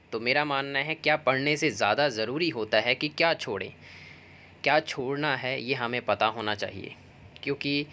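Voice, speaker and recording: A man's voice: mid-range voice, pushed and bright, highs cut off. A man teaching an exam preparation lesson, explaining points patiently with mnemonics and examples. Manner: explanatory, uses mnemonics and stories. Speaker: Hindi exam coaching teacher. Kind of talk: classroom-style exam prep lesson.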